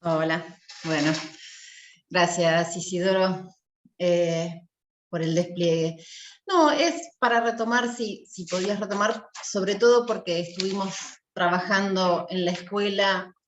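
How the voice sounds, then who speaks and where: Argentine woman asking a question from the audience, hesitant, lowish voice, echoey room with a bit of noise. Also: a little slow. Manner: hesitant, with many fillers. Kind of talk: question from the floor.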